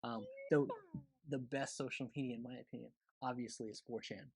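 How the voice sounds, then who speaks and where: A man's voice: medium pitch, steady tone, fairly quick, vocal fry, darkish tone, breathy edge, no room sound. A man in his twenties co-hosting a casual podcast, sarcastic and teasing. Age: 20s. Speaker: podcast co-host. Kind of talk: casual chat.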